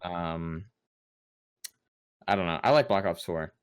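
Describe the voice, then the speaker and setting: Young guy chatting about games, smooth low voice, says like a lot, dry sound. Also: takes it slowly, no echo. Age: young adult. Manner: rambling, many "like" fillers and restarts. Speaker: podcast co-host. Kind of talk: casual chat.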